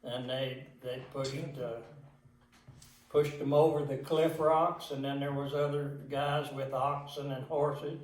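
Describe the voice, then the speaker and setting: An older man with an Appalachian accent tells of his life at a slow, halting pace. He is plain-spoken and folksy, recorded at a distance from the microphone in an echoey room. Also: medium pitch, level tone, darkish tone. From southwest Virginia mountains. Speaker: interviewee. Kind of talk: casual oral history reminiscence.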